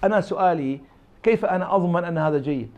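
Speaking fast in a high, darkish voice, this man from Iraq has an Iraqi Arabic accent. As an academic guest in an interview, he makes his argument through imagined exchanges between speakers.

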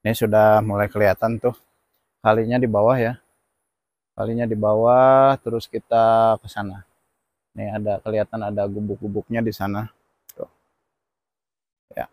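A man's voice: medium pitch, no room sound. Young man vlogging, fairly dry sound. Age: young adult. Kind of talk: casual vlog narration to viewers. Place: outdoors on a forested mountain trail and rocky stream. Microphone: handheld camera at arm's length.

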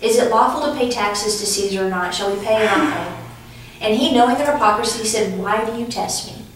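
A woman's voice: medium pitch, fairly quick, a little hiss or hum. A woman teaching a preaching class in a conversational, storytelling way, laughing now and then as she tells anecdotes. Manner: conversational, anecdotal, laughs while telling stories. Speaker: Bible teacher. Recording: echoey room, voice from far off.

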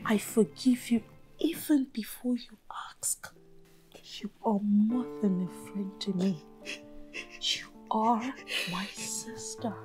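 An actress playing a gentle, devoted woman who soothes and coaxes her friend in a film drama. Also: medium pitch, slow pace, soft background music, lightly acted, rough recording. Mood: soothing. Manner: soft, soothing, coaxing. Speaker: caring friend.

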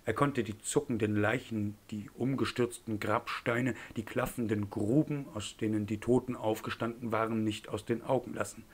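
Low-voiced male audiobook narrator. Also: fairly even intonation. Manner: measured storytelling delivery.

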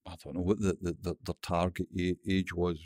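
A man's voice sits low with a flat, brisk, darkish delivery: he's an older mumbling storyteller from Glasgow, Scotland, guesting on a casual interview chat. He tells anecdotes and swears freely, recorded with no echo in clean studio sound.

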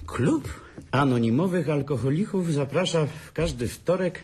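With a fairly high, lively voice that's a little slow and darkish, an actor portrays Adam, a mischievous, hard-drinking brother who schemes and jests with his sibling. It's amateur radio drama with a playful, teasing feel, and there's slight background noise.

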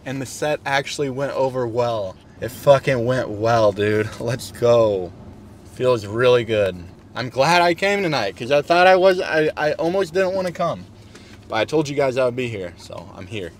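A young man talks straight into a handheld camera at arm's length, going over his stand-up set in crude, joking asides. He chats casually from a bar and later from his parked car at night, in a plain mid-pitched voice. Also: moderate pace, a little hiss or hum. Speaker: comedian vlogging an open mic night. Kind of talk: casual vlog chat.

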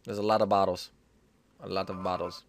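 A man's voice: deep voice, level tone, a little fast, slight background noise. A young man giving casual gameplay commentary, repeating short phrases to himself. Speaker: gaming video host.

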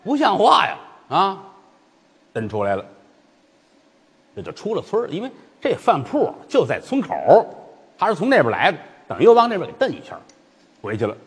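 A man telling a comic traditional story, lively and chuckling in asides to listeners. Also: a little high, fairly quick, long pauses, husky, long reverb tail.

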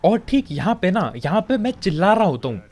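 A man's voice: high-pitched, big pitch swings, a little fast, darkish tone. A young man with a Hindi accent giving casual, joking commentary over his own game footage. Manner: chatty, joking, colloquial filler-heavy. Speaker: gaming commentator.

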